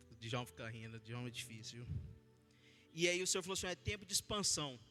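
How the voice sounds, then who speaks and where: A man with a Brazilian Portuguese accent preaching a testimony sermon, telling his story in an animated and humorous way. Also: medium pitch, normal speed, long reverb tail, faint music behind.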